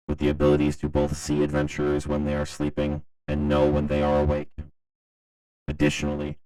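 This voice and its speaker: A grave emergency broadcast announcer, with an extremely deep voice that barely moves in pitch. He reads his warning in a measured, official monotone, like a public safety alert. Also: clean tone, rough recording.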